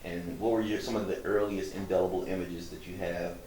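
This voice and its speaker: Measured male talk show host, low voice. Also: fairly even intonation, warm tone, slight background noise. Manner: measured, formal phrasing. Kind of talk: interview hosting. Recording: echoey room, distant mic.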